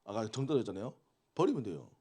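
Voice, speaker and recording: A man's voice: lowish voice, very animated, rapid-fire, dark tone, breathy edge. A man preaching to teenagers in a conversational way, often asking them questions and waiting for replies. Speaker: youth pastor. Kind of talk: interactive youth sermon.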